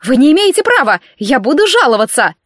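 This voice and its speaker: A woman's voice: sits high, lively intonation, normal speed, no echo, clean studio sound. A cowardly bearded servant, as a woman puts him on. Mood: panicked. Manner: whining, begging.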